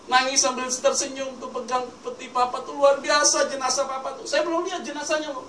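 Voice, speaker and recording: A male preacher voicing a grieving adult daughter, speaking in a high, excited, pleading way with a lilt. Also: unhurried. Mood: emotional praise. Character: grieving adult daughter, tearful yet proud. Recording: echoey hall mic from a distance with ambient noise.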